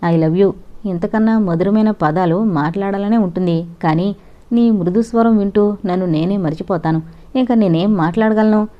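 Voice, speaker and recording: A woman's voice: medium pitch, close to an everyday voice. A woman voicing a lovestruck young college man who speaks tenderly and earnestly, on a dull lo-fi recording.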